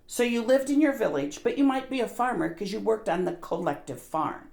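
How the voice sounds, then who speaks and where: A woman's voice: mid-range voice, lively intonation, fast, vocal fry, a little mellow. An American woman telling stories in casual conversation, earnest and emphatic. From United States.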